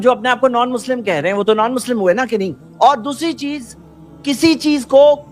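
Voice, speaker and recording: Man, Islamic preacher, high voice, earnest explanatory talk, faint music behind. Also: fairly bright tone. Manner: earnest, asks rhetorical questions, quotes Arabic then translates.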